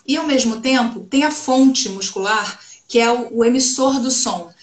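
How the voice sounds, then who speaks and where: A woman's voice: a little high, a little slow, roomy sound. A woman speech therapist with a Rio de Janeiro accent, explaining voice technique in a conversational interview and demonstrating examples. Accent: Rio de Janeiro Portuguese.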